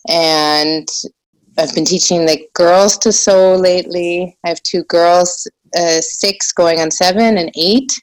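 An American woman with a slight German accent, chatting casually and haltingly in an interview, often restarting her sentences. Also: lowish voice, fairly even intonation, rough recording. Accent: American with a slight German influence. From United States. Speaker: podcast guest, small shop owner.

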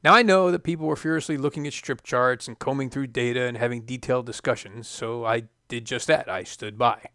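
A middle-aged man, a former test pilot, hosting a scripted podcast monologue in a measured, emphatic way with dry asides. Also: mid-range voice, fairly bright tone, clear, resonant tone, dry recording.

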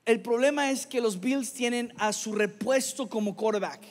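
Male pastor, high voice, slow scripture reading turning into casual chat with the congregation, long hall reverb. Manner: reads scripture slowly, then chats casually with the congregation. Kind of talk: sermon.

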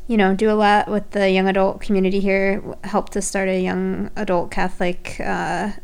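A young adult woman chatting casually as a podcast guest, friendly and quick to giggle. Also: mid-range voice, flat delivery, creaky, smooth.

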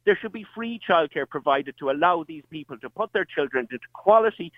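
This is a man with a west of Ireland accent calling in to a radio debate on a thin phone line. He talks fast and argues insistently, with a lively swing in his pitch. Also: no room sound. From County Mayo, Ireland. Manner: insistent, argumentative. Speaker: radio phone-in caller, creche owner.

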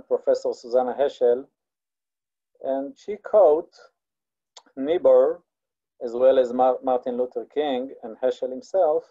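A man with an Israeli accent, a native Hebrew speaker, giving an online lecture in a slow, halting way with many restarts and fillers. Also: mid-range voice, mellow, muffled recording.

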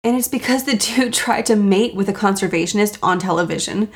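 A woman hosting a casual, jokey solo podcast, self-deprecating and sweary, with a raspy voice, audible vocal fry and a sore throat. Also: medium pitch, fairly quick. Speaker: podcast host.

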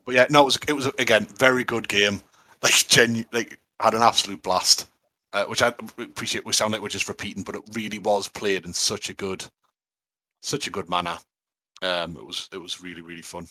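Bright, low-pitched, chatty man. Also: steady tone, fairly quick, no echo, poor audio. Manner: enthusiastic, filler-heavy, laughs easily. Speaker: tabletop wargame player. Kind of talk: casual chat.

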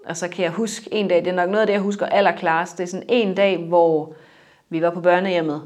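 A young adult woman in a personal interview, reflective and halting, her sentences trailing off softly. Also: on the low side, fairly even intonation.

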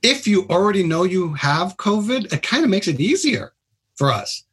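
As a radio talk-show guest, a hospital doctor gives casual, plain-spoken explanations. His high, husky voice is a bit bright and sing-song, moving at a moderate pace.

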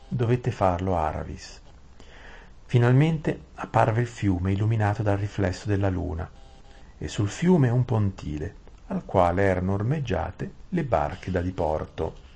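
Low, husky man telling a bedtime story softly, stumbling now and then. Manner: gentle, soothing, with small restarts. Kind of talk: reading a bedtime story aloud.

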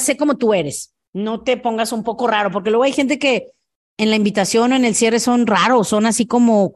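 Mexican woman, podcaster, fairly high voice, chatty, wanders off topic, acts out dialogues. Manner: chatty, digressive, role-plays sales dialogues. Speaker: podcast host. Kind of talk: casual coaching podcast.

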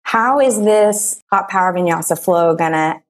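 A woman in her late forties chats easily as a podcast guest, explaining her teaching career. Her voice sits a bit low for a woman. She talks in loose, rambling sentences full of fillers and quick little laughs. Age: 40s. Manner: chatty, frequent fillers and short laughs. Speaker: guest, yoga teacher and author. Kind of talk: casual interview conversation.

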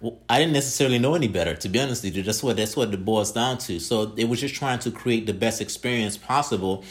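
A man's voice: medium pitch, quick pace. A middle-aged man from Haiti, an entrepreneur answering interview questions in a formal way, with many repeated stock phrases. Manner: formal, repeats "that specific" and "kinda just". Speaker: entrepreneur guest.

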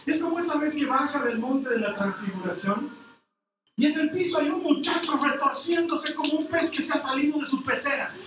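Playful preacher retelling a story with voices, high voice, very echoey hall, far mic. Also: moderate pace, noisy background. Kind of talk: sermon with humorous storytelling.

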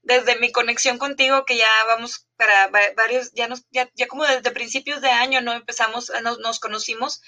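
Bright high-voiced woman host, halting. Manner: halting, many restarts and fillers. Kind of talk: casual conversation.

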